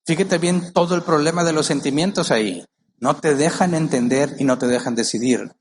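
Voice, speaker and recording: In a church, a male pastor preaches a sermon in a fairly high-pitched voice at a moderate pace, with slight background noise. He's emphatic, firing rhetorical questions at the congregation and acting out the voices he quotes.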